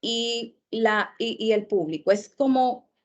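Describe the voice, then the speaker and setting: A woman teaching an online public speaking workshop, speaking deliberately and repeating key terms for emphasis. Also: on the high side. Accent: Latin American Spanish.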